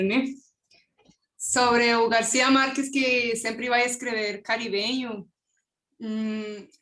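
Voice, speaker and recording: On an online academic panel, a conference presenter with a Colombian accent fields questions in a high, bright voice. A native Spanish speaker, she hesitates as she searches for the right word and often tacks on a questioning tag. Her video-call audio has a noticeable room echo.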